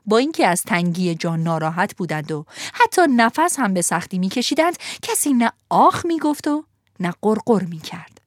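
A woman narrating a storybook in an expressive, vivid manner. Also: mid-range voice, no room sound, clean studio sound.

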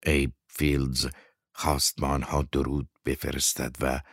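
A man reading a novel aloud as narrator, steady and measured. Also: very deep voice, gravelly, husky, no echo, clean studio sound. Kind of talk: audiobook reading.

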